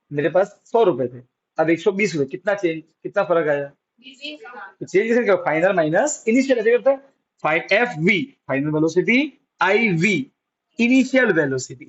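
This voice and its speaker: A man's voice: sits high, dull audio. A male science teacher, teaching a classroom physics lesson, coaxing students and answering his own questions.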